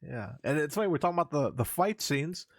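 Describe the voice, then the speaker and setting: A man's voice: on the high side, lively intonation, fast, no room sound, studio quality. A man co-hosting a podcast, rambling casually with lots of filler words. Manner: rambling, lots of "like" and "you know". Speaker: podcast co-host. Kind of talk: casual chat.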